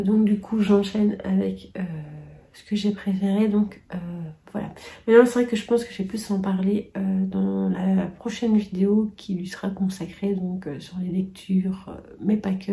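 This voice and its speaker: A middle-aged woman talks casually to camera, pausing on filler after filler and dropping now and then into a near-whisper. Her voice is dark and mellow, with a gravelly fry underneath. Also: medium pitch. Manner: hesitant, many fillers, drifting into whispers. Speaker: booktuber sharing yearly favourites.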